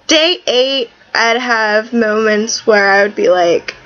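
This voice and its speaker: Female vlogger, sore throat after tonsil surgery, slightly high voice, unhurried and blunt, exasperated emphasis. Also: a bit bright, lo-fi sound. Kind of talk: casual personal video diary.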